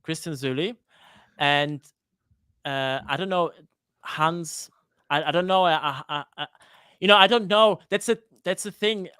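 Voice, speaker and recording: A man's voice: a little high, unhurried, pauses often, pushed and bright, clear, resonant tone, dry recording, clean studio sound. A man in his thirties from Denmark, a guest on a live-streamed interview, talking hesitantly with many restarts. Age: 30s.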